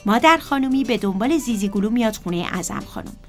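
A woman narrating a children's story in a lively way, talking straight to the kids. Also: a little high, soft background music. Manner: lively, addresses children directly.

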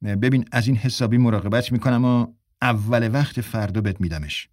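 A man's voice: medium pitch, darkish tone, dry recording, studio quality, close to an everyday voice. A man voicing an easygoing young man who earnestly defends his friends in a story.

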